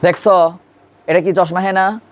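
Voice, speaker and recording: A man's voice: sits high, steady tone, unhurried. A man teaching a classroom grammar lesson, quizzing students and repeating key terms.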